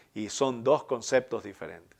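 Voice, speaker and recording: A male pastor preaching a sermon in an earnest, emphatic way, swelling on key phrases and letting line endings fall soft. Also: mid-range voice, slow, vocal fry. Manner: earnest, emphatic preaching with rising bursts and soft trailing ends.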